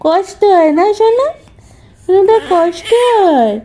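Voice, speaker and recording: Mother cooing lisping baby talk to her infant: very high, mellow voice. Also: expressive, measured pace.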